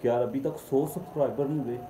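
A man's voice: medium pitch, steady tone, quick pace, warm tone, reverberant, poor audio. Man, young, chatty selfie vlog, phone at arm's length, faint background noise. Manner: chatty, pleading for subscribers. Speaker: vlogger. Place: indoor room, then outdoors on a street.

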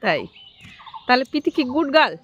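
A woman's voice: high-pitched, sing-song, fairly quick, a bit bright, lo-fi sound, slight background noise. A woman chatting with her young daughter in a casual home vlog on a rooftop, asking patient, coaxing questions with frequent hesitations.

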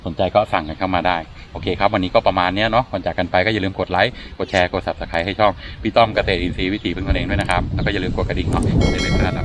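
A man chatting casually as he walks through his outdoor plant nursery, listing the plants for sale. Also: low voice. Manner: chatty, often ends phrases with a soft "na". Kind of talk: casual walk-through video. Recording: outdoor noise, passing vehicles.

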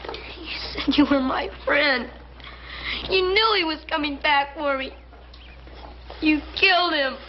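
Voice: high voice, slow, pauses often. A child actor playing a small, grief-stricken boy crying out in anguished fury in a 1960s TV western. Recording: muffled, noisy old TV soundtrack.

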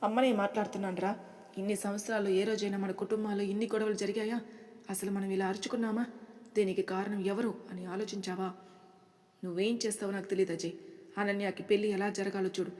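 A woman voicing an angry middle-aged mother who shouts and scolds her son. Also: mid-range voice, flat delivery, fast talker, long reverb tail, natural voice. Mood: shouting.

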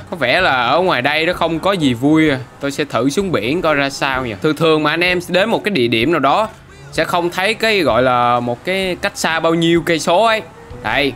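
A man commentates on his gameplay in an excitable, jokey way, often breaking into English outbursts. His voice sits slightly high for a man. Light music plays faintly behind him. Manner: excitable, bursts of English exclamations. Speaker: gaming YouTuber.

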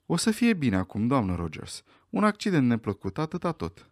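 A man reading an audiobook voices a calm doctor who speaks reassuringly to a shaken woman. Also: medium pitch, no room sound, studio quality. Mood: soothing. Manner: soothing, reassuring. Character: calm middle-aged male doctor, soothing.

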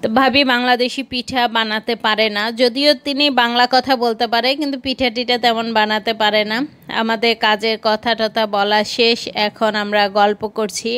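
A woman's voice: on the high side, flat delivery, normal speed, a bit bright, clear, resonant tone. A woman with a Bangladeshi accent giving casual vlog narration. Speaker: vlogger.

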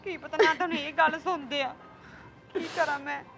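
A woman's voice: sits high, fairly even intonation, normal speed, creaky, a bit bright, soft background music. A woman playing an indignant young wife who scolds her husband reproachfully in a village short film. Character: indignant young wife, sister of the missing girl. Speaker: wife and sister.

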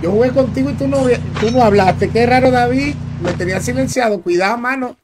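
A man's voice: extremely high pitch, a little fast, noisy background. A young man with a Dominican Spanish accent streaming a game, casually chatting with viewers in slang and greeting them by name. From Dominican Republic. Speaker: gaming streamer. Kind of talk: live gameplay commentary chatting with viewers.

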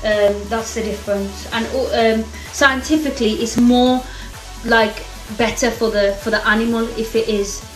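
A woman's voice: a little high, fairly even intonation, a little slow, distant mic. Playful British woman cooking live. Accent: British English. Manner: playful, chatty, calls viewers darling. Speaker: cooking livestream host. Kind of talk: live cooking chat, reading viewer comments. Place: home kitchen. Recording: roomy kitchen echo. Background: faint music and frying sizzle.

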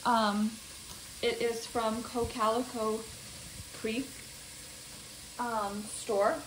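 A young woman narrates her home cooking in a casual, rambling way, filling pauses with ums. Her voice sits a little high. The sound is echoey, with loud frying and sizzling behind her. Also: flat delivery. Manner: chatty, self-narrating, with frequent ums. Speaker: cooking vlogger. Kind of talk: casual cooking vlog chat. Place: home kitchen. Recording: echoey kitchen with sizzling noise.

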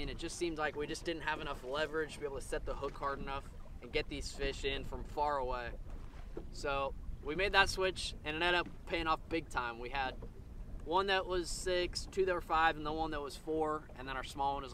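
A man's voice: fairly high pitch, brisk, bright, forceful tone, slight background noise. A man in his twenties vlogging casually from a fishing boat on a lake, talking loosely to viewers he calls folks. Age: 20s. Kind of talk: casual on-the-water vlog. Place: outdoors on a bass boat on a lake. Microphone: camera mounted on the boat, close framing.

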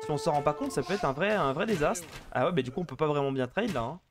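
Guy casting a strategy game live, rattles on super fast, slightly high voice. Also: faint music behind. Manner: excitable, fast, chatty, banters with chat. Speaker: esports caster.

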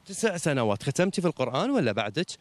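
A man's voice: fairly high pitch, very fast. A man hosting a TV show, giving a short religious talk and then chatting playfully with children in a mosque courtyard. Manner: lively, teasing, chatty with children. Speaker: TV show host. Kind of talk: religious talk and quiz with audience.

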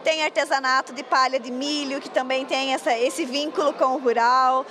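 A woman with a high voice and fairly even intonation speaks at a normal pace while a crowd murmurs behind her. She's an agro-industry coordinator being interviewed live for the news at a busy indoor food fair, explaining her work fluently with the odd stumble into a handheld reporter mic.

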